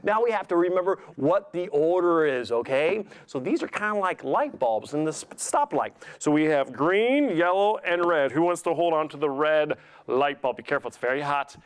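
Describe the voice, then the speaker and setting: A man with a fairly high, very animated voice works as a children's party magician. He is playful and encouraging, tossing out simple questions and praise in interactive magic show patter. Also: moderate pace, clean tone. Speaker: kids' magician, guest entertainer.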